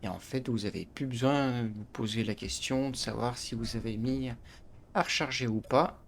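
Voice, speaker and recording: A man's voice: mid-range voice, normal speed, creaky, slight background noise. A man hosting a gaming channel, explaining a space game step by step with frequent restarts and little interjections. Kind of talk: game tutorial commentary.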